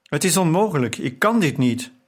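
A man's voice: fairly high pitch, sing-song, moderate pace, pitched above the performer's own voice. A male audiobook reader voicing a drunk, irritable young Persian nobleman who speaks in a curt, hissing way. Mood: distraught. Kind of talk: audiobook character voice.

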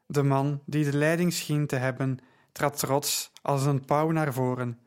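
Slow, measured male audiobook narrator. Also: mid-range voice, clear, resonant tone. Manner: measured, steady storytelling.

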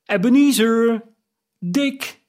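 A plump old merchant calls out loud and hearty orders, as a man puts him on. His voice is full and jovial and sits well above the reader's own pitch. It sounds like a storybook reading. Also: very slow, exaggerated voice.

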